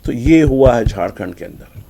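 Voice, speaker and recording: A man with a Hyderabadi Urdu accent giving conversational news commentary on the papers, animated, acting out the exchanges he quotes. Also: husky. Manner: animated, acts out quoted exchanges with shifts in pitch. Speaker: news commentator reviewing newspapers.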